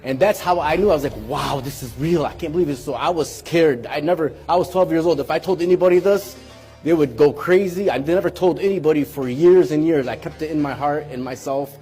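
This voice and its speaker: A man's voice: on the high side, brisk, warm tone, soft background music. A man in his forties telling an emotional personal testimony, earnest and heartfelt, with frequent restarts. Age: 40s. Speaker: speaker giving a personal testimony.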